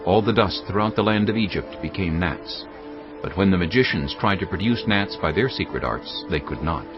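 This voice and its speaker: At a normal speed, a man reads scripture in a deep, grave voice that rises and falls expressively. Music plays steadily beneath him, and the audio sounds a bit muffled.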